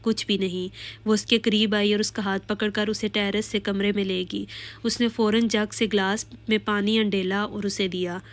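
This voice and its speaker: A woman reading a romance novel aloud in a steady, expressive storytelling voice. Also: medium pitch. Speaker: audiobook narrator. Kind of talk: scripted novel narration.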